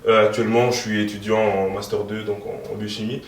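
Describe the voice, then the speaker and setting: Young guy, lowish voice, lots of ums, sounds far off in an echoey room. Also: little pitch movement, a little fast. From moved to Belgium in 2013. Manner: hesitant, many fillers. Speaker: guest, youth party co-president. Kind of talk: interview answers.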